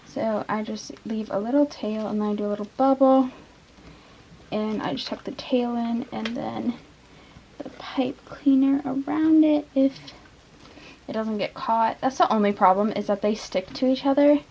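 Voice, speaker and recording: A woman's voice: a little high, normal speed, muffled recording, a little hiss or hum. A young woman with a stuffy nose from allergies, chatting casually and rambling off-topic while she shows a craft step by step. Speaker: craft vlogger. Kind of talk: casual crafting tutorial chat.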